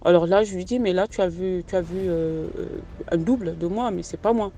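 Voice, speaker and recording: A woman's voice: lowish voice, fairly quick, dark tone. A middle-aged woman tells a personal story in a hesitant, conversational way, full of fillers and restarts. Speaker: storyteller sharing a personal testimony. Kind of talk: casual spoken testimony.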